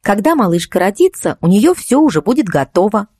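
A woman voicing a young pregnant daughter who is quick to take offence and turns hysterical, in a raised, thin voice in an audiobook reading. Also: sing-song, mellow, no room sound, clean studio sound. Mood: cheerful. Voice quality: high, shrill, pleading when upset. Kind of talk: audiobook character voice.

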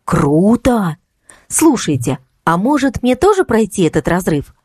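A woman's voice: mid-range voice, big pitch swings, measured pace, a little mellow, no echo, clean studio sound, voice pushed up. A woman voicing a chatty, curious young woman friend in an audiobook.

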